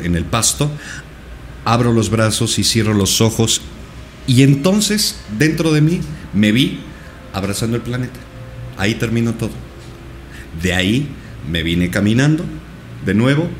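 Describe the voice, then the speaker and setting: A man's voice: fairly low pitch, animated, normal speed, pauses often, slight background noise. A male podcast guest earnestly recounting a personal experience, with many repetitions. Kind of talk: personal storytelling in a podcast interview.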